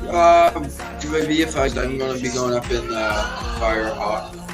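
A man's voice: mid-range voice, unhurried, music in the background. A man role-playing a pilot in an online game, answering in short radio-code phrases. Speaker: fire helicopter role-player.

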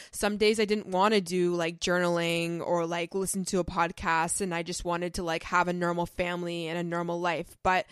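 A woman's voice: lowish voice, fairly bright tone, smooth, dry recording, studio quality. A young woman in her twenties hosting a podcast, talking earnestly and from the heart in casual advice, with many "like"s. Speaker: podcast host.

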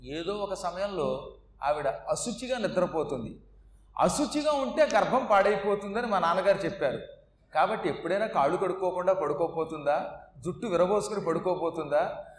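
A man's voice: sits high, expressive, normal speed, recorded from a distance. A man voicing a scheming male god who humbly pleads and promises to serve. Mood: plotting. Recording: echoey room.

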